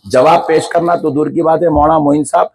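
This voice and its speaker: A man's voice: fairly high pitch, steady tone, a little fast, slightly rough, no room sound. A man preaching a sermon to a gathering, listing things in rhythmic repetition and building to impassioned cries. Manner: rising into impassioned shouted crying-out. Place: large gathering with live crowd.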